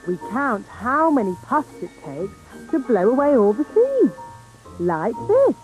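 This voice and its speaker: A woman voicing a bossy, brisk fairy nanny in a children's cartoon, with a British accent and a haughty, theatrical manner. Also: on the high side, very animated, a little mellow, faint music behind, rough recording. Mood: brisk, knowing. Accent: British English.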